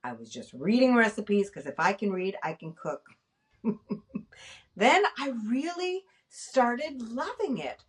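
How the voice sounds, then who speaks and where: Middle-aged lady chatting away, voice jumps all over, kinda high, a bit off mic. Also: takes it slowly, far from the mic. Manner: animated, self-mocking, acts out her own past thoughts. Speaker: nurse and podcast host. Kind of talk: casual chat.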